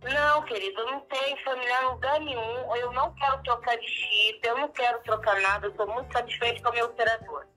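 A woman's voice: on the high side, steady tone, fast, pushed and bright, soft background music, rough recording. A woman heard through a phone on speakerphone, brushing off a call with blunt, curt refusals. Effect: heard over a phone on speakerphone. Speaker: prank call target, host's aunt.

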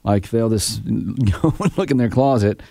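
A man, co-hosting a radio show in casual banter, chatty and quick to laugh. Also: mid-range voice, expressive, warm tone, dry recording. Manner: chatty, laughs easily, rambling.

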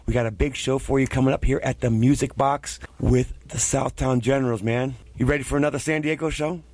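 A man's voice: mid-range voice, steady tone, a little fast, darkish tone, dry recording. A man hosting an upbeat radio interview with Rasta-style greetings, effusive and repeating himself, often saying "man". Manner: effusive, repeats words for emphasis. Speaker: radio show host.

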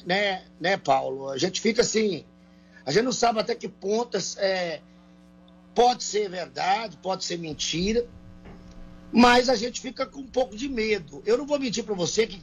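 A Brazilian country singer, appearing as a guest, answers interview questions over a remote call on a phone or earbuds, speaking in a folksy, colloquial way. His high voice is animated and slightly rough, at a normal speed. The audio is lo-fi, with faint music in the background.

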